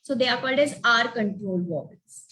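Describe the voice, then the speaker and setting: A woman's voice: on the high side, lively intonation, normal speed, bright, forceful tone. A woman teaching phonics in a webinar, patiently spelling out letters one by one and sounding out example words. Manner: patient, repeats "okay" between points. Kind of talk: slow instructional webinar talk.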